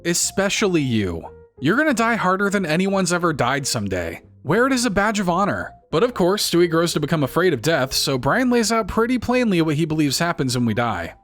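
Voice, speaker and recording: A man's voice: a little high, big pitch swings, a little fast, hardly any pauses, fairly bright tone, faint music behind. A man giving scripted comedic narration, full of wry, sarcastic asides.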